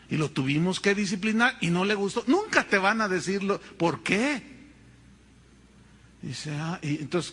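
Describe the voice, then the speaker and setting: Preaching with a high, slightly rough voice, this pastor animates his sermon with funny stories. He puts on other people's voices as he acts them out.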